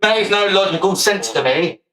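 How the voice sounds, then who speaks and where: A man's voice: high-pitched, normal speed, a bit bright, reverberant, low-quality recording. A man, ranting profanely on a livestream and laughing often. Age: 40s. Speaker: streamer. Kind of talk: livestream rant.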